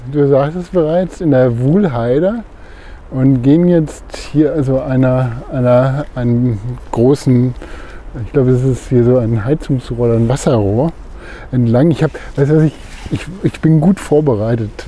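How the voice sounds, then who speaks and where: A man's voice: a little high, warm tone, slight background noise. A male podcast co-host chatting casually and jokingly while walking outdoors at night. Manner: jokey, rambling, laughs easily. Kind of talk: casual conversation. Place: outdoors, walking through a foggy park at night.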